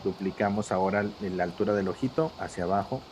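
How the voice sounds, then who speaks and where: A man's voice: sits low, fast, darkish tone, a little hiss or hum, poor audio. A man teaching a live drawing class, patient and step by step, calling on students by name.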